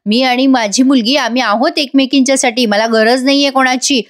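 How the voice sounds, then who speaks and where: A woman's voice: sits high, steady tone, fairly quick, close to an everyday voice. A woman voicing a furious middle-aged aunt who bitterly scolds her sister, in a soap recap. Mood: angry, accusing. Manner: bitter, accusing tirade.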